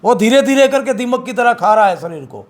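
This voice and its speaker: A man speaking as an activist in an interview, forceful and repeating his points with emphasis. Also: very high-pitched, animated, a little fast. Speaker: campaign activist. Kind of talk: interview, political criticism.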